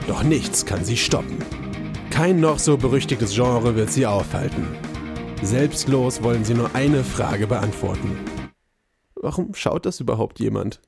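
A man's voice: mid-range voice, moderate pace, vocal fry. A man narrates a scripted intro like a grand saga, solemn and mock-epic. Prominent guitar music plays behind his voice.

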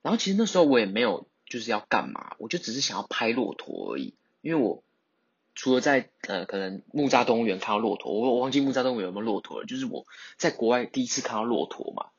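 A man's voice: medium pitch, big pitch swings, quick pace, slightly rough, highs cut off. A man hosting a podcast, telling a travel story in a casual, rambling way with many fillers and self-corrections. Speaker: podcast host.

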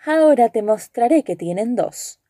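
A man's voice: extremely high pitch, lively intonation, moderate pace, mellow, dry recording, clean studio sound, exaggerated voice. A woman voicing an angry, stern nobleman who speaks in a commanding, threatening way.

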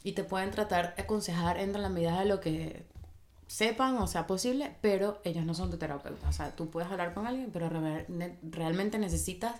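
A woman's voice: on the low side, brisk. A young woman, co-hosting a casual chat and speaking candidly while acting out the voices she quotes.

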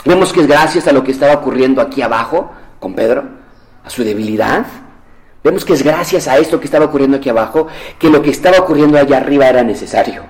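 A man's voice: mid-range voice, fast, low-quality recording. A male pastor, preaching a sermon and acting out the voices of the people in his story. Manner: acts out quoted voices of biblical figures; animated, shifts between hushed and raised delivery.

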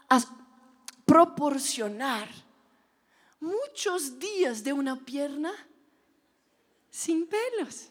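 A woman preacher giving a sermon, telling stories with animated delivery and breaking into shouts. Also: high-pitched.

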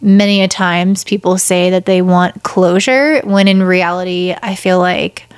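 A woman's voice: on the low side, steady tone, unhurried, smooth. Woman musing on a casual podcast. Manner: thoughtful, hedging with "like" and "I feel like". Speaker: podcast co-host.

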